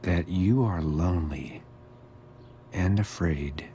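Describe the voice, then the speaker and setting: A man playing a creepy, cryptic, gently philosophical school groundskeeper in a video game, with a slow, ominous drawl. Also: low voice, slight background noise. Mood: cryptic, probing. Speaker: groundskeeper character.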